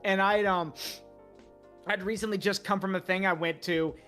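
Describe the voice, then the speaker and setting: A streamer telling a long story in casual chat, animated and laughing often. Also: medium pitch, moderate pace, soft background music. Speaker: streamer guest.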